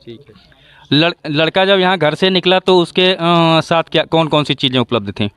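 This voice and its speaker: A man's voice: a little high, expressive, moderate pace, a bit bright, clear, resonant tone. A man reporting from a village, politely interviewing locals and closing with a formal appeal.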